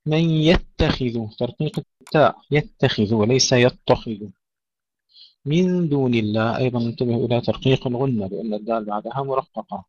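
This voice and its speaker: A man teaching tajweed, slowly chanting verses and then explaining pronunciation points in quick remarks. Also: medium pitch, darkish tone, no room sound, highs cut off. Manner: slow melodic Quran recitation alternating with quick explanatory remarks. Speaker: Quran recitation teacher.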